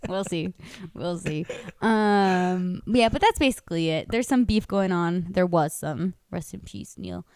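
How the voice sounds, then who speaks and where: A woman's voice: on the low side, measured pace, vocal fry, darkish tone, dry recording, clean studio sound. A woman co-hosting a podcast in casual chat, chatty and laughing, swearing freely. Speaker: podcast co-host.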